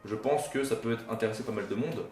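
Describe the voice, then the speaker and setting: A man's voice: lowish voice, quick pace, a little mellow, distant mic. A young man giving casual gameplay commentary as a gaming YouTuber, rambling and self-mocking with casual swearing. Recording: roomy, off-mic, faint game music.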